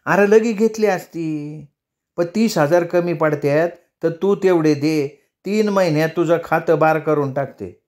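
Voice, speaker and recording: A man's voice: on the high side, a little slow, a little mellow, pitched above the performer's own voice, close to an everyday voice. A male storyteller voicing a quarrelsome village woman, the hero's elder sister, with a scolding, taunting manner.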